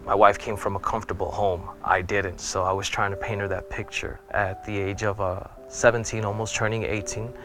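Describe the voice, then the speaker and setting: A man's voice: lowish voice, level tone, fairly quick, few pauses. A man in his thirties from Puerto Rico, an airman telling his life story in an earnest, reflective way. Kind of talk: personal interview testimony. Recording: music playing underneath.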